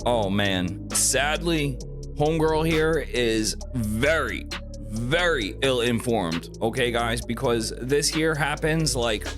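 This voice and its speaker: A man's voice: medium pitch, animated, slow pace. A man hosting a reaction video in casual, laid-back commentary. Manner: laid-back, chuckling, says "guys" often. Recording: music bed under the voice.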